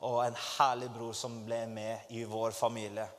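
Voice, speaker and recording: A man preaches his testimony to a congregation, telling his story animatedly and rising into fervent exclamations. His voice sits in the mid range, and the recording carries a long hall reverb.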